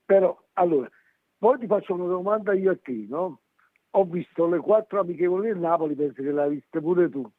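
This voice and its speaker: Calling in to a sports phone-in show to chat casually about football, a man with a high-pitched, brisk voice sounds hesitant and checks whether he can be heard. The poor phone line makes him sound tinny.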